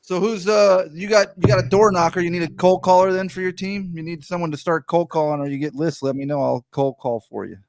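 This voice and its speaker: A man in his fifties hosting a casual podcast interview, joking and asking quick questions. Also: sits high, steady tone, a little mellow. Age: 50s. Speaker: podcast host.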